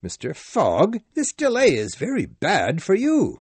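A man voicing an older British general who questions loudly and indignantly. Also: high voice, wildly swooping pitch, measured pace, husky, no room sound, voice pushed up, heavily acted. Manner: exclamatory, questioning.

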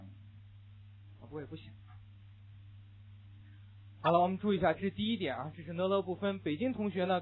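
A man's voice: fairly high pitch, husky. A young adult man teaching English pronunciation to a class, explaining sound changes and having students repeat phrases after him. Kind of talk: classroom lecture. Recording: muffled phone-like lo-fi audio.

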